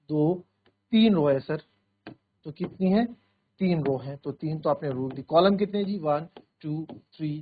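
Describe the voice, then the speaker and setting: A man teaching a maths class in Hindi mixed with English, explaining step by step, counting aloud and asking if things are clear. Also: on the high side, phone-quality sound, slight background noise. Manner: voices students' doubts himself and answers them. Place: virtual classroom studio.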